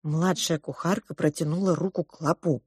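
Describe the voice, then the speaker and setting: A woman narrating a children's storybook in a calm, soft manner. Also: low-pitched, moderate pace, slightly rough, no echo, clean studio sound. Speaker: audiobook reader.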